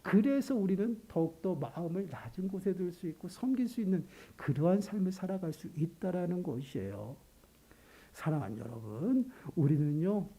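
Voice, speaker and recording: A pastor giving a Sunday morning sermon, earnest and emphatic, repeating key phrases and building to loud peaks. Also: mid-range voice.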